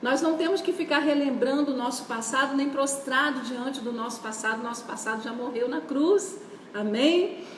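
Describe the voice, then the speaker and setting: A woman's voice: sits high, moderate pace, distant mic, slight background noise. A woman apostle preaching a sermon, fervent and repetitive, stretching words out for emphasis. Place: church livestream. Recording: echoey hall, voice away from mic.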